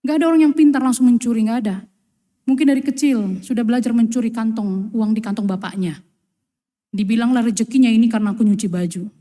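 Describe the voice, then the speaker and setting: A woman pastor preaching a lively sermon, acting out the voices in the stories she tells. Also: on the high side, quick pace. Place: church. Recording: long church reverb.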